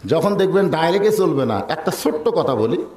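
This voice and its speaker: A man giving a humorous sermon at a religious gathering, chanting slogans loudly and acting out village characters. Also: on the high side, animated, a little fast, reverberant. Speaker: preacher.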